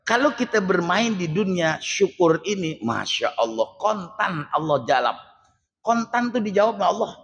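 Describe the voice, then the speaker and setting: A man's voice: high-pitched, sing-song, moderate pace, fairly bright tone, slight background noise. A man preaching a casual, humorous sermon and teasing his audience with rhetorical questions. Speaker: Islamic preacher. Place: mosque hall. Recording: long reverb of a mosque hall.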